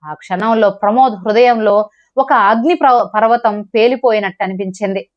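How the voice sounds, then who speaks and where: A woman narrating a dramatic moral story in a steady, scripted storytelling delivery. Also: mid-range voice. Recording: dull lo-fi recording.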